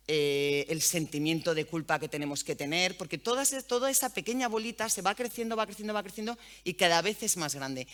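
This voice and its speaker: A woman's voice: fairly low pitch, a bit bright. A woman with a Spanish accent, a radio journalist speaking bluntly and earthily as a guest at an interview panel. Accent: Spain. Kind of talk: frank conversational interview. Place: event panel.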